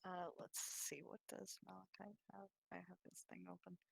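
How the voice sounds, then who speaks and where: A woman acting as game master, narrating a tabletop game with many pauses and ums. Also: on the low side, completely flat delivery, gravelly, breathy edge, no echo, low-quality recording. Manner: hesitant, full of ums and uhs.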